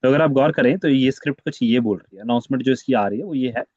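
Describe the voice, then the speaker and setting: A man's voice: medium pitch, quick pace, darkish tone, no room sound. Patient man teaching on a muffled call. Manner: patient, repeats words many times. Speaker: French teacher. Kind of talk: online class teaching.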